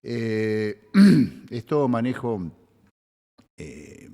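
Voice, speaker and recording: An older man from Argentina, a retired official answering interview questions in a halting way, with many fillers. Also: mid-range voice, very animated, gravelly, mellow, in a large hall. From Zapala, Neuquén, Argentina. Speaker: retired provincial oil official, guest.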